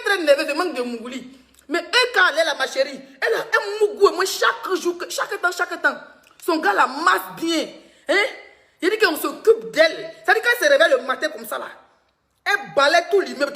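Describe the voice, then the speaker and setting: Brief: woman blogger, high sharp voice, mocking live-stream gossip. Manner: mocking, laughs often, teasing.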